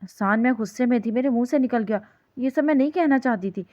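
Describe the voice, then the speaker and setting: A tearful, defensive mother begs to be understood, as a woman reader voices her. The voice is a little high and sounds dull and close. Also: warm tone, no echo, close to an everyday voice. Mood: pleading. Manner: apologetic, pleading.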